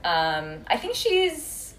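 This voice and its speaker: A woman's voice: fairly low pitch, wildly swooping pitch, drawn-out words, fairly bright tone. A young woman co-hosting a casual podcast, chatty and packing her talk with "like". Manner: chatty, constant "like" fillers. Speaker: podcast co-host. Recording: roomy room, faint noise.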